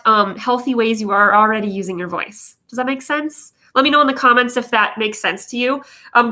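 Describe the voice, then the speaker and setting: A woman's voice: fairly high pitch, bright, forceful tone. A woman giving informal instructional advice to viewers as a coach, explaining with emphasis and often checking that listeners follow. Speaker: vocal coach presenting advice videos.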